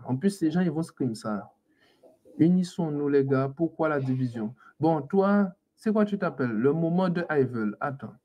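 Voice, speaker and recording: A man's voice: a little high, highs cut off. A man hosting a casual live stream, teasing and scolding his viewers and laughing often. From French Antilles.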